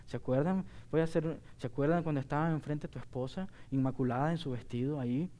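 Man preaching a sermon, earnest, emphatic, rhetorical questions, middle-aged, higher-pitched voice. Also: fast, warm tone. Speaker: pastor.

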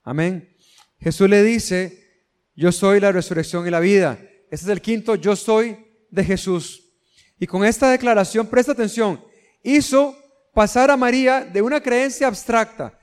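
High-voiced preacher. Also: male voice, a little slow, clean tone, big-room sound. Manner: earnest, building to emphatic peaks, addresses listeners directly. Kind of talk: sermon.

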